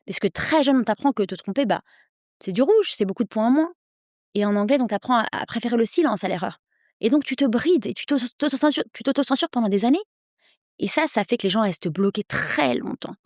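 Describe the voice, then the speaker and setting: A woman in her thirties, an English coach, speaking persuasively as a podcast guest, with energetic quick bursts. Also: fairly high pitch, dry recording, studio quality. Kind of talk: podcast interview.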